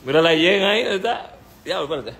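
A Dominican man hosting a live stream with his baby son, teasing and laughing, at times breaking into high squeals. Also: expressive, fast, gravelly, a bit bright. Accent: Dominican Spanish. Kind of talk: playful live-stream chat.

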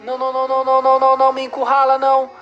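A Brazilian-accented woman giving loud, excitable gameplay commentary, shouting and cursing at the game. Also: high voice, very fast. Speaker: gamer. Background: game music.

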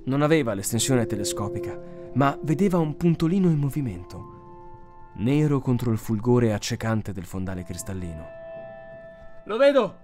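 A man reading a science fiction story aloud as an audiobook narrator, with an expressive delivery. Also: mid-range voice, normal speed, music in the background. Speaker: audiobook reader. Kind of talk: scripted narration.

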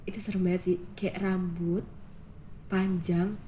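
A young woman co-hosting a podcast, telling stories in an animated, expressive way with casual slang. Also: lowish voice, unhurried, slight background noise. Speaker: podcast co-host. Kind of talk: casual storytelling chat.

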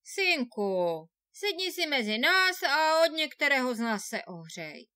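Lady doing a grave friendly guy at a fire, lively pitch. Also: heavily acted. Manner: grave, kindly. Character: grave man by a fire, welcoming.

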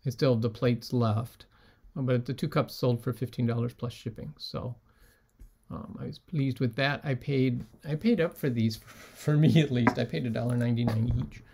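A man talking casually in a vlog about items he resold, with lots of ums and a relaxed way of talking. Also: mid-range voice, moderate pace, gravelly, slightly rough. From United States. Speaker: reseller showing sold items.

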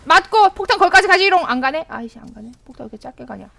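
A woman streaming a game, excitably commenting, yelping and chattering at her own play. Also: very high voice, racing, creaky, no room sound. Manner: excitable, yelps and chatters at the screen. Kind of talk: live gameplay commentary.

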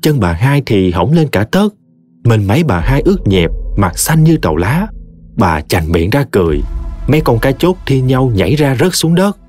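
A man's voice: medium pitch, moderate pace, soft background music. A man, expressively narrating a scripted horror story. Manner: expressive, vivid.

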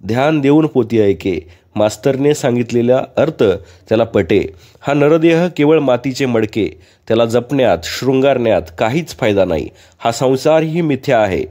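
Mellow-voiced man reading a story. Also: medium pitch. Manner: calm, measured reading. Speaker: narrator.

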